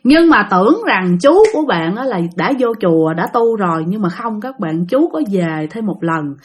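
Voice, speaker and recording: A woman's voice: medium pitch, expressive, moderate pace. A woman telling a ghost story in a chatty way, often speaking straight to her listeners. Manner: chatty, addresses listeners directly.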